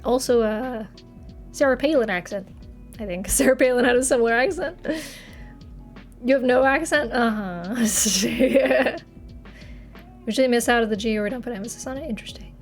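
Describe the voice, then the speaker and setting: A young Massachusetts woman streams casually from her apartment, chatting with her live chat, giggling and letting sentences trail off. Her voice is a little high and she speaks at normal speed, pausing often, with faint music in the background.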